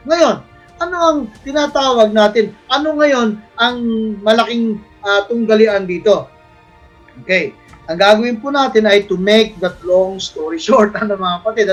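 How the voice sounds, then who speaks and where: A male Filipino preacher giving a sermon, mixing Filipino and English, reading verses slowly and often turning to the congregation with a questioning "ha?". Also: high-pitched, highs cut off. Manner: mixes Filipino and English, repeats "ha?" and "mga kapatid" to the congregation; reads verses slowly and stresses words.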